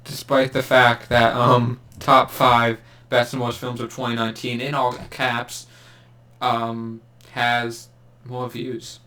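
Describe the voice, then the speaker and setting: A man's voice: mid-range voice, monotone, slow, pushed and bright. Sarcastic young man, rambling podcast chat. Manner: sarcastic, laughing, rambling with many fillers. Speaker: podcast co-host. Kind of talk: casual chat.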